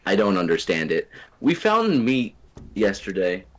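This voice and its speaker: A man's voice: lowish voice, huge pitch swings, measured pace. A young man co-hosting a casual podcast chat over a voice call, laid-back and laughing often. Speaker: podcast co-host.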